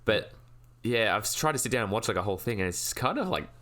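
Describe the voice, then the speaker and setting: An animated young man chatting and joking on a podcast, swearing freely. His lowish voice jumps around in pitch and has a bright, edgy tone. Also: fast talker. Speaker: podcast co-host. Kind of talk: casual chat.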